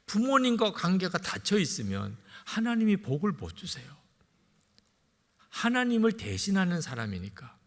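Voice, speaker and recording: A middle-aged male pastor preaching a sermon in a lively way, acting out the voices of parents he quotes. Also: on the high side. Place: large church sanctuary. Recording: long hall reverb.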